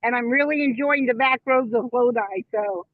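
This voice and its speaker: A man's voice: very high-pitched, normal speed, no echo. A man calling in from his car on speakerphone, introducing himself to a meeting and apologizing lightly while he drives. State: driving while talking. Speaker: community group representative on a meeting call. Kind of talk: brief self-introduction. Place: in a car on the road. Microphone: phone speaker in a car. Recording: tinny dry phone line from a moving car.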